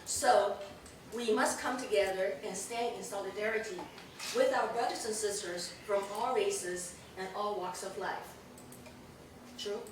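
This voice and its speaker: A middle-aged woman, a community leader hosting an event, gives a formal public speech in a medium-pitched, unhurried voice that is slightly hoarse as she loses it. She's earnest and emphatic with animated gestures, speaking without a microphone in a large indoor room with a backdrop. A distant camera captures her, so the recording is echoey and noisy.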